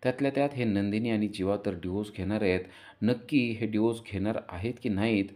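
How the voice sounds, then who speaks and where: A man's voice: lowish voice, fast, a little mellow, lightly acted. A man playing a jovial, talkative father who jokes and teases his daughter. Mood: puzzled. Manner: chatty, joking, teasing.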